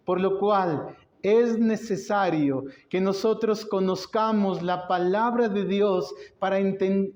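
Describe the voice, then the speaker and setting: A man from Colombia preaches in a high, unhurried voice, pressing his points by repeating them and posing rhetorical questions. The sound is dull and lo-fi, with a roomy echo around him. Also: darkish tone. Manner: emphatic, repeats key phrases, rhetorical questions. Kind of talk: sermon. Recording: echoey room, dull lo-fi sound.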